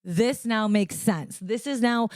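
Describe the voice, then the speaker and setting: A woman's voice: on the high side, takes it slowly, darkish tone, no echo, studio quality. Chatty upbeat woman podcast host. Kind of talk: casual chat.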